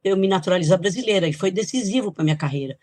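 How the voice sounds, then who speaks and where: A woman's voice: mid-range voice, lively intonation, very fast, a little mellow, no echo, clean studio sound. An older woman from Italy, a guest author on a podcast interview, telling her life story in a chatty, reminiscing way with light laughs.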